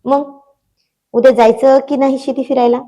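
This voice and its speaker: A woman's voice: high voice, little pitch movement, moderate pace, dark tone, natural voice. Teasing young man, as a woman narrator voices him. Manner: teasing, coaxing.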